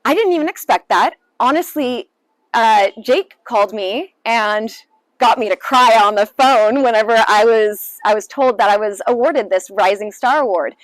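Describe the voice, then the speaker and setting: A woman's voice: a little high, normal speed, no echo, rough recording. A woman in her late twenties, a council candidate, answering interview questions in an upbeat, earnest way with many fillers. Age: 20s. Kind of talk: sit-down news interview.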